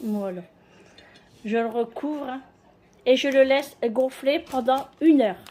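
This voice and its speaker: Chatty woman with a high voice. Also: takes it slowly, a little mellow. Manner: chatty, rambling with many fillers and restarts. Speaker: vlogger. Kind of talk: casual home vlog chat. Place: home kitchen, indoors.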